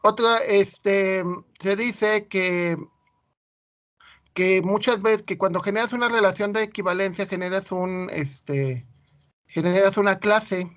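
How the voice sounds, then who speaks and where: A man's voice: sits high, slow, fairly bright tone, muffled recording. A Mexican man with a Mexican Spanish accent giving an informal math lecture, chatty and full of anecdotes. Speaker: teacher.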